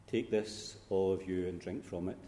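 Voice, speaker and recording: A very low, mellow male voice reciting liturgical prayers in a measured, solemn way. His words roll out into a long cathedral echo that hangs in the large church. A faint hum of the room sits underneath. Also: steady tone. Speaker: priest celebrating a funeral Mass.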